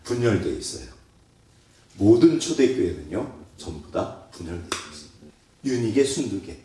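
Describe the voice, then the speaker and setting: A man's voice: fairly low pitch, very animated, normal speed, mellow, a little hiss or hum. A male pastor preaching a sermon, asking the congregation questions and acting out prayers and quotes. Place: church sanctuary. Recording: very echoey church hall, mic far off.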